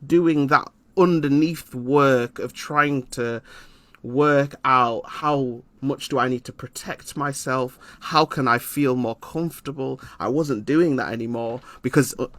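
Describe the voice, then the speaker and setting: A man's voice: medium pitch, measured pace, fairly bright tone, dry recording. A man from Leeds, England, talking reflectively in an interview, with frequent ums and some laughter. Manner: thoughtful, hesitant with frequent ums; laughs often while telling stories. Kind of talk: reflective conversation.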